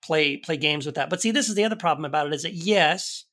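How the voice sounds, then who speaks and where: A man co-hosting a podcast, giving an emphatic, animated rebuttal to a video clip. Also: on the high side, fast talker. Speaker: podcast co-host.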